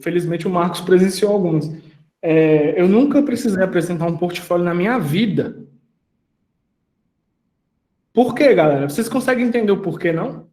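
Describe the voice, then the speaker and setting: Animated high-voiced man mentoring casually. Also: fairly quick, roomy sound. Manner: animated, slangy, asks the audience questions.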